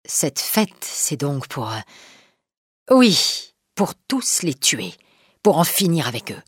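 A woman's voice: low voice, big pitch swings, slow pace, slightly rough, dry recording, studio quality, heavily acted. A woman voicing a cruel, scheming male killer with a menacing, scornful manner in a storybook reading. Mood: sinister.

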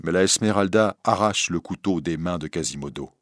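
A man narrating a storybook reading in a calm, measured way. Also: low-pitched, dry recording, studio quality.

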